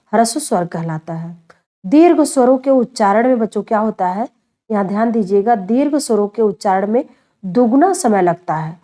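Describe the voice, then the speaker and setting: Mellow-voiced woman teaching grammar. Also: on the high side. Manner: repetitive questioning, answers her own questions; addresses listeners as children often. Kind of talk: online Hindi grammar lesson.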